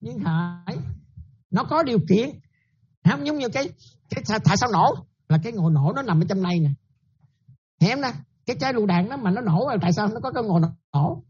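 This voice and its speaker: A woman's voice: medium pitch, lively intonation, fast talker, a little mellow, husky, lo-fi sound. A Buddhist nun giving a dharma talk, often checking that her listeners follow and repeating her points.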